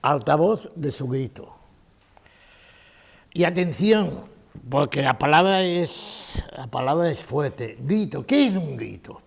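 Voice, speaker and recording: A man's voice: fairly high pitch, expressive, slow, gravelly, slightly rough. A man giving a conference lecture, emphatic, repeating his key phrases and asking rhetorical questions.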